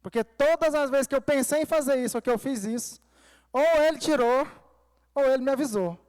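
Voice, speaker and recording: A man's voice: extremely high pitch, fast talker, darkish tone, clear, resonant tone. A male pastor preaching a sermon at a church service, telling a personal story and calling the congregation dear ones and brothers. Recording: long reverb of a church hall.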